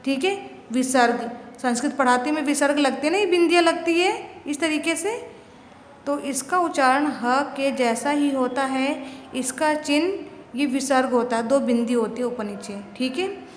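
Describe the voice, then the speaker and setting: A woman's voice: high-pitched, a little slow. A woman teacher giving a grammar lesson to young pupils, often asking a question and answering it herself. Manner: asks questions and answers them herself, repeats "ठीक है ना". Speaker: school teacher. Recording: echoey room with long reverb, faint noise.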